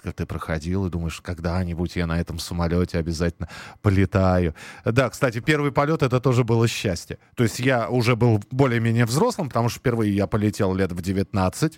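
A man's voice: medium pitch, no echo. A middle-aged man hosting a live phone-in, talking in a casual late-night radio DJ manner, musing and addressing listeners as friends. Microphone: close studio microphone. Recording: dry studio, faint music behind.

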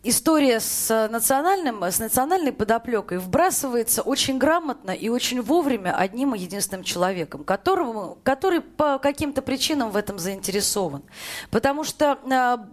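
Higher-voiced woman hosting a radio phone-in. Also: animated, brisk. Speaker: radio call-in host. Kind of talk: live phone-in talk show hosting.

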